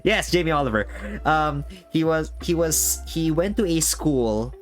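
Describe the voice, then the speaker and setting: A man chatting casually as a streaming show host, haltingly, often repeating words as he thinks. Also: fairly high pitch, expressive. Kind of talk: casual chat. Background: background music.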